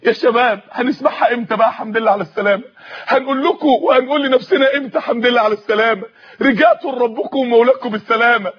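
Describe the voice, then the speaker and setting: A man's voice: extremely high pitch, rapid-fire, husky, lo-fi sound. A man with an Egyptian accent preaching an emotional sermon through a story, pleading and at times tearful. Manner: impassioned, pleading, breaks into tears.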